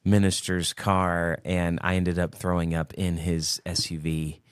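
A man hosting a casual podcast with his brothers, talking in a relaxed, rambling way. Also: deep voice, a little slow, clean tone, no room sound. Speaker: podcast host. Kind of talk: casual chat.

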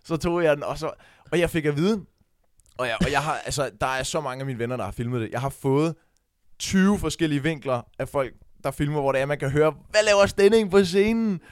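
A young man, co-hosting a podcast and telling a story with excitement, acting out the shouts he quotes. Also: mid-range voice, no echo, clean studio sound. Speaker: podcast co-host. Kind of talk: casual chat.

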